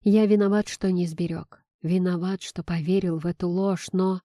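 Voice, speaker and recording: A husky, possessive young man speaking low and close in an audiobook, as a woman reads him. The voice is mellow and soft-edged, and the recording is dry and close. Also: steady tone, moderate pace, no echo, natural voice. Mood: tender, low. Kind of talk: audiobook character reading.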